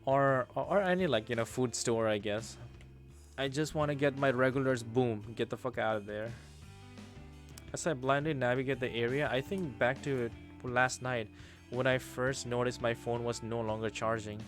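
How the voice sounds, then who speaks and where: A young man streaming a game, reading the story aloud and reacting with casual swearing and loud outbursts. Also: medium pitch, normal speed. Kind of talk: let's play commentary and reading aloud. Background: game music.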